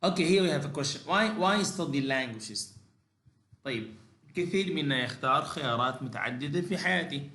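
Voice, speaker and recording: Male teacher, fairly high voice, deliberate pace, halting bilingual lecture. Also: animated, bright, forceful tone, echoey room. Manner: switches between halting English and rapid explanations, many fillers and restarts. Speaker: language teacher.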